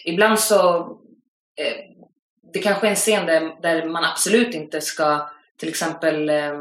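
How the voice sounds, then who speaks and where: Young woman guest actress, twenties, low voice, lively slangy anecdotes with English thrown in. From Sweden. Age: 20s. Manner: lively, slangy storytelling with English phrases mixed in. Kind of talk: casual podcast chat. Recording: roomy echo.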